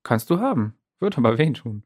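A man voicing a devilish male visitor who teases slowly and slyly. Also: medium pitch, sing-song, dry recording, studio quality. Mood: sly mockery. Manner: slow, teasing, sly.

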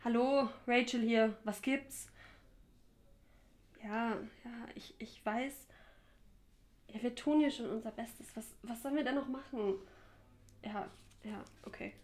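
A ruthless television producer with a snappy, domineering edge, voiced in an audio drama by a woman. She sits a little high and cuts people down fast. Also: a little hiss or hum, lightly acted. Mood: subdued. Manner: snappy and domineering, shouts when angry. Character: ruthless ratings-obsessed female TV producer. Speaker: production manager.

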